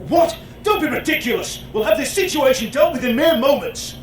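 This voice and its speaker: An actor playing a haughty, bitter imperial officer in a video game, formal and disdainful. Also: male voice, extremely high pitch, lively intonation, fairly quick. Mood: indignant. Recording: roomy echo, faint music.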